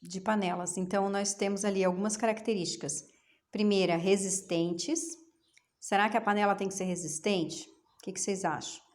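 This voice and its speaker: A woman's voice: mid-range voice, steady tone, moderate pace, a little mellow. Patient woman teacher coaxing young pupils. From Brazil. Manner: patient, coaxing, asks rhetorical questions. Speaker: schoolteacher. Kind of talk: explaining homework to young pupils.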